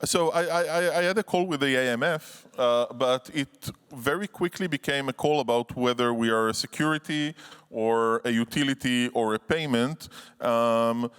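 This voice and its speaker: Male panelist, smooth resonant voice, measured, long hall reverb. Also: mid-range voice. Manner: measured, with soft fillers. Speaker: panelist, company chair. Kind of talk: conference panel discussion. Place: large conference hall.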